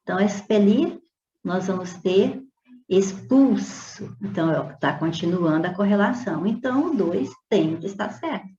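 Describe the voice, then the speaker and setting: Woman teacher reviewing exam items, mellow voice, drawn-out examples, echoey lo-fi room. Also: medium pitch, animated. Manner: explanatory, stretches out example words slowly; checks in with "né?" and "tá vendo?". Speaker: Portuguese teacher. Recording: roomy, dull lo-fi with faint noise.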